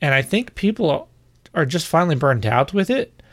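A man's voice: on the high side, big pitch swings, normal speed, fairly bright tone. A man giving an opinionated fantasy football breakdown in a casual, conversational monologue, correcting himself as he goes.

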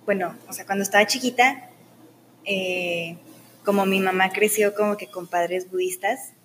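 A young woman, answering interview questions in a soft, filler-heavy casual way. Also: mid-range voice, steady tone, normal speed, slight background noise, poor audio. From Mexico. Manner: soft-spoken, uses many fillers like "o sea" and "como que".

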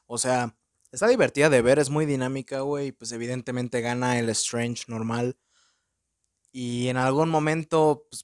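A man with a Mexican accent reviewing a film in casual, slangy chat, excitable and full of filler words. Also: mid-range voice, clear, resonant tone, no echo, studio quality. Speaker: podcast host.

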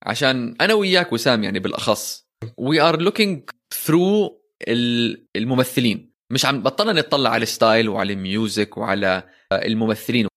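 A man speaks casual Levantine Arabic at a very brisk pace. He slips English phrases into his sentences as he talks through his opinions. His pitch sits in an average male range. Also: animated, a bit bright. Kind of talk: casual film discussion.

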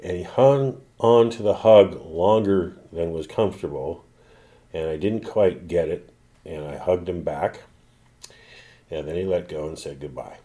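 Reflective middle-aged guy, deep dark voice, measured and pausing, faint music behind. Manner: reflective, measured, with pauses and restarts. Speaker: defense attorney, former prosecutor. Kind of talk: personal storytelling in an interview. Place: his law office.

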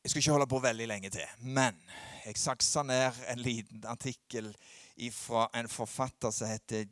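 Emphatic pastor preaching. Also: male voice, steady tone, no echo, studio quality. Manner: swings between loud emphatic peaks and low quiet asides. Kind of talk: sermon.

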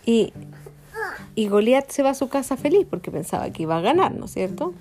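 A woman telling a children's story in an animated way, jumping into character voices. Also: a little high, a little fast.

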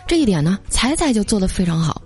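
A woman's voice: medium pitch, fast, breathy edge, soft background music. Chatty woman host telling funny stories. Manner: chatty storytelling with lively quoted voices. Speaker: podcast host. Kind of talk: reading funny anecdotes.

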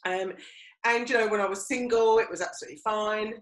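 Speaking briskly at a medium pitch with a steady tone, this Essex-accented podcast co-host, a middle-aged woman from Romford, England, shares personal stories in a chatty way. The sound is roomy with noticeable echo.

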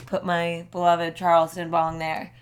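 A woman's voice: on the low side, completely flat delivery, unhurried, clean tone. A woman chatting casually on a podcast, rambling and full of "like", who is losing her voice and laughs often. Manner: rambling, peppered with "like". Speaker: podcast co-host. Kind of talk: casual chat.

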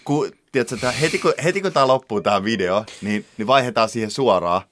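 A man's voice: mid-range voice, animated, background noise. A young man co-hosting a podcast in casual chat, joking and swearing heavily as he tells stories. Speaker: podcast co-host.

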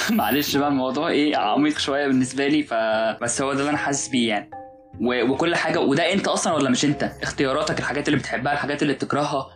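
A man's voice: medium pitch, very fast. A man with an Egyptian accent in casual chat, musing philosophically and often restarting his sentences, with music playing underneath.

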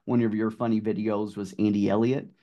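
A middle-aged man with a Southern drawl, telling his car sales story in a relaxed podcast chat full of fillers. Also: on the low side, fairly quick, muffled recording. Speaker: guest, car sales manager. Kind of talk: casual podcast conversation.

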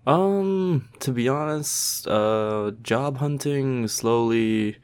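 A young man co-hosting a podcast in casual, halting, slangy talk with some swearing. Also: medium pitch, a little mellow, clear, resonant tone. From Toronto, Canada. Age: young adult. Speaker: podcast co-host. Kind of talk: casual chat.

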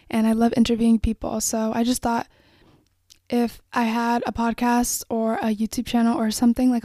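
A woman's voice: on the high side, mellow, no echo, studio quality. Young woman chatting on her podcast. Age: young adult. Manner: rambling, self-reflective, frequent fillers. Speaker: podcast host. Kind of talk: casual solo podcast chat. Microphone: phone and microphone.

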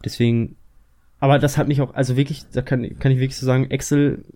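A man's voice: mid-range voice, little pitch movement, quick pace, warm tone. A young man chatting casually, rambling with lots of filler words. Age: young adult. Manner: rambling, many fillers like "so" and "halt". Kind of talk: casual chat.

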